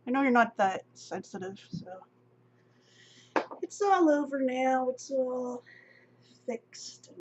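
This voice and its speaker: A woman's voice: high voice, lively intonation, takes it slowly, long pauses. A middle-aged woman vlogging in a rambling, self-deprecating casual chat, often laughing. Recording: dull lo-fi audio with faint hum.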